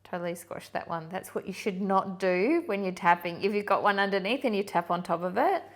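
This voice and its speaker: A middle-aged woman hosting a cooking demonstration, giving clear step-by-step instructions in an upbeat manner. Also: mid-range voice, brisk. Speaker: chocolatier host.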